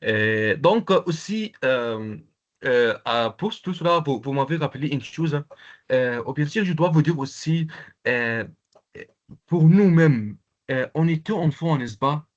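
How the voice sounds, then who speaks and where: A Comorian man whose first language is Arabic teaches an online class, speaking haltingly with lots of fillers and repeated words. His voice is mid-range and expressive, and the call audio is dull and lo-fi.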